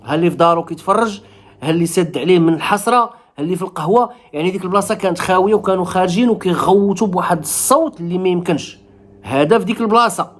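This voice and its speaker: A man's voice: high voice, racing. A man from Morocco with a Moroccan accent gives casual spoken commentary to viewers, emphatic and repeating phrases to drive points home.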